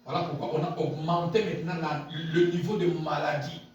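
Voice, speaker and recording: A man preaching a sermon as pastor, swinging between shouted peaks and low murmured asides and repeating key phrases. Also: fairly even intonation, moderate pace, lo-fi sound. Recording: very echoey hall, voice picked up from a distance.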